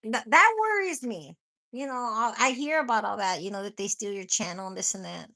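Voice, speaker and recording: A woman with a mid-range, sharp voice hosts a casual live chat with her viewers, speaking briskly with lively intonation. She rambles, swears freely, and laughs often, all while fighting a stuffy nose and a cough.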